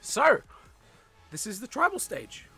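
A man's voice: very high-pitched, slow pace, slightly rough, faint music behind. A young man streaming a video game, chatting casually with viewers and swearing a lot, a little out of breath. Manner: excitable, swears often, greets chat by name. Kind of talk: casual live-stream chat. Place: cold room at home.

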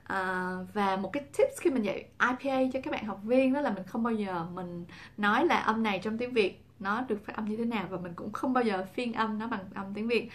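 A young woman teaching English pronunciation in a casual talk to camera, saying example words slowly and repeating them. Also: medium pitch.

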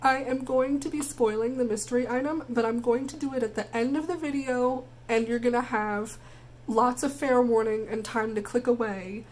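Croaky-voiced woman vlogger, unboxing. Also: fairly high pitch, fairly even intonation, normal speed, darkish tone, slight background noise, poor audio. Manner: chatty and gushing. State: croaky from bronchitis. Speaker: planner vlogger. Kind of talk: casual unboxing chat.

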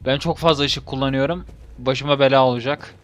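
A man's voice: mid-range voice, steady tone, fairly quick, fairly bright tone. A young man casually commenting while he plays a horror game, joking, swearing and talking to the game's characters. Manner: jokey, swears, talks to the game. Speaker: gaming video host. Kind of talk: casual let's-play commentary.

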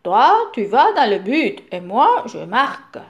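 A woman's voice: a little high, big pitch swings, slow pace, muffled recording, full character voice. A woman voicing a tired, reluctant father playing football with his son, with exaggerated playful cries. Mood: teasing.

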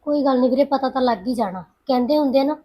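A sensible young sister who keeps urging patience and care, played by a woman. She speaks softly in a fairly high voice, coaxing rather than arguing. She is a figure in a family drama. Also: very fast.

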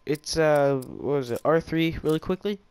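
A man's voice: fairly high pitch, moderate pace, a little mellow, smooth, no echo. A young man hosting a gaming channel, playfully teasing his friend and laughing while he plays. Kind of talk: casual gameplay commentary.

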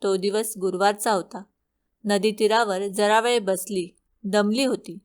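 A woman at a middle pitch narrates a devotional folk tale. Her reading is steady and measured, with short, even sentences. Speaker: storyteller.

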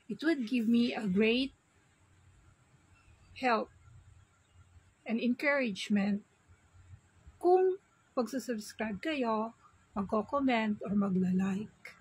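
Slow, husky Filipino woman vlogging. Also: on the high side, lively intonation, a little mellow, dry recording, low-quality recording. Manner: unhurried, mixing English and Tagalog. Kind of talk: casual vlog talk.

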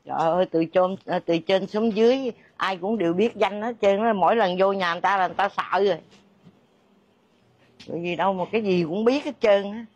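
A woman's voice: medium pitch, brisk, darkish tone, lo-fi sound, close to an everyday voice. A woman playing a blunt, fed-up neighbor in a comedy sketch. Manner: blunt, dismissive scolding.

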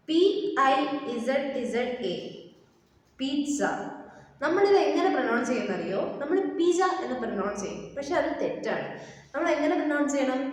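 Woman teaching english pronunciation, slightly high voice, spells stuff out and repeats it, far off mic with long echo. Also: slight background noise. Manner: spells words letter by letter, repeats for emphasis. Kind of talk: casual spoken lesson. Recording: echoey room from a distance.

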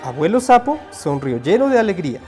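A man reading a storybook aloud with a high voice and lively, animated swings of pitch. His delivery is expressive and theatrical, with faint music playing under it. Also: brisk.

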